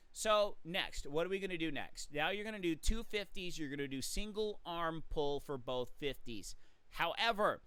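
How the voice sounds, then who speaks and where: A man talks through swimming drills in a casual, coaching way, counting kicks aloud as he goes. His voice sits high and sounds smooth and clean. The recording is dry and close, with no room echo. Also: pushed and bright. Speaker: swim coach. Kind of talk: casual instructional talk.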